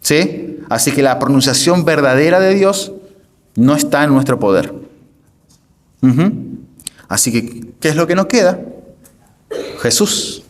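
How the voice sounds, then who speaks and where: Emphatic pastor, raised voice. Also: male voice, fairly high pitch, animated, unhurried, long pauses. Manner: asks the audience frequent checking questions; emphatic, repeats phrases for stress. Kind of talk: teaching lecture to a congregation.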